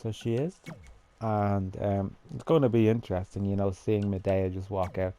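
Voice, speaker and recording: A man's voice: fairly low pitch, fairly even intonation, normal speed, dark tone. A man chatting casually to himself as he builds a character in a game, thinking aloud as he goes. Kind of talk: casual gameplay commentary.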